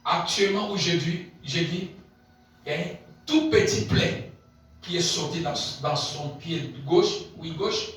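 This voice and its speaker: High, shouting preacher in an echoey hall. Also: male voice, measured pace. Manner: swings between shouted peaks and low murmured asides; repeats and stretches key phrases. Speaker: pastor. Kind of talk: sermon. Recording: very echoey hall, voice picked up from a distance.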